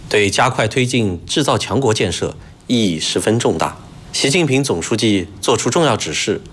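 A man gives a prepared official statement in a low voice. His intonation rises and falls widely, and his manner is formal and earnest.

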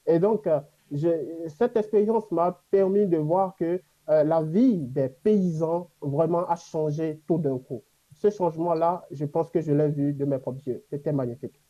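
Speaking in a warm, somewhat high voice at an unhurried pace, this interview guest is an African man living in China whose native tongue is an African language. He responds thoughtfully and sincerely on an unscripted panel, hesitating now and then. The audio sounds dull.

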